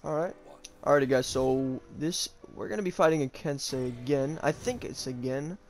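Speaking at a moderate pace in a mid-range voice, a man who makes gaming videos on YouTube gives laid-back live commentary. He swears a lot and keeps it slangy, and quiet music plays underneath.

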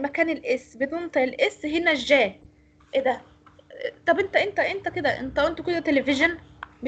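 An Egyptian woman teaching English pronunciation in an online lecture, explaining and correcting students. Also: sits high. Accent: Egyptian Arabic.

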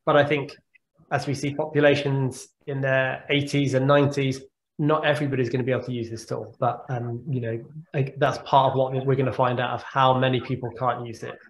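On echoey video-call audio from his home, a guest neurologist in his forties fields questions from the audience, pausing to think and repeating words along the way. His mid-range voice moves little in pitch and runs a little fast.

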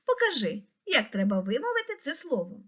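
A woman reading a scripted lesson for young children, pronouncing each word slowly and clearly. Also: high voice, wildly swooping pitch, fairly bright tone. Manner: slow, clear, pronouncing words syllable by syllable. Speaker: teacher.

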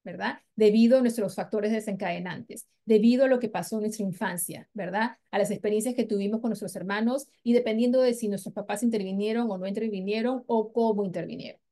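A woman's voice: medium pitch, fairly quick, few pauses. A woman presenting a parenting training, explaining step by step in a patient way and often checking in with her listeners. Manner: patient, explanatory, frequent "¿verdad?" and "¿ok?" check-ins; models gentle questions to children in a soft voice. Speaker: parenting educator.

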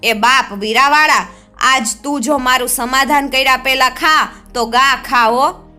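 A woman's voice: high-pitched, measured pace, bright, forceful tone, faint music behind. A woman voicing a proud, shrewd and loyal Mer warrior man in a folk tale, speaking earnestly. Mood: sulky.

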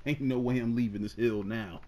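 A man's voice: medium pitch, fairly even intonation, normal speed, slight background noise. A young man commenting on his gameplay, teasing and mocking an opponent in a casual, playful way. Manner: mocking, teasing trash talk. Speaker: gaming streamer. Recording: voice over loud game music.

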